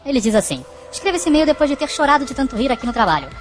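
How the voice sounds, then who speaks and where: A squeaky, sped-up cartoon chipmunk, sneering and sarcastic as he rattles off his lines at a racing clip. His voice sits far up high, with faint music running underneath. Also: sing-song, rapid-fire. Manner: mocking, dismissive. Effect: sped-up high-pitched voice.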